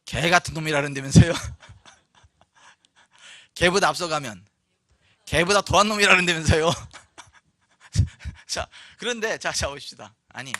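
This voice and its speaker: A male pastor delivers a sermon in a high, ringing voice. He moves between easy conversational asides and forceful, shouted proclamations. The sound is close and dry. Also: unhurried, long pauses, dry recording. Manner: conversational preaching that surges into loud proclamations. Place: church sanctuary.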